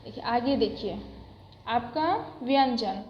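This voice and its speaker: A woman's voice: fairly high pitch, slow pace, a little hiss or hum. A woman teacher patiently explaining a grammar lesson to young children, repeating each point. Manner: patient, repetitive, addresses children directly. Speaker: school teacher. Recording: echoey room, dull lo-fi sound.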